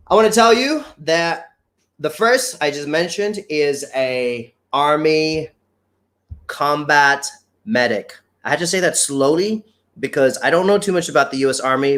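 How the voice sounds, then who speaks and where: Male livestream host, slightly high voice, chatty and playful. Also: normal speed, a bit bright. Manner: upbeat, chatty, playful teasing. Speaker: show host. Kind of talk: casual livestream show hosting.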